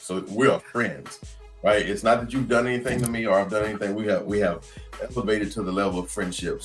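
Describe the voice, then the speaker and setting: A man hosting a live podcast, talking casually and reading out viewer comments. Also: lowish voice. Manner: relaxed, conversational, reads out comments. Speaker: podcast host. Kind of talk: casual live-stream talk.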